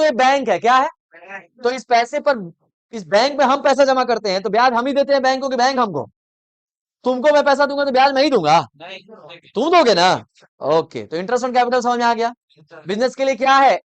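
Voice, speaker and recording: A man's voice: extremely high pitch, clear, resonant tone, dry recording. Man teaching class, quizzing students. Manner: keeps quizzing the class, storytelling examples. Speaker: commerce teacher. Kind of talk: classroom lecture.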